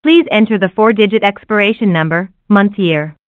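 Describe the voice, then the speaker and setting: A woman's voice giving recorded phone menu prompts in an even, measured delivery. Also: mid-range voice, no echo. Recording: tinny dry phone line.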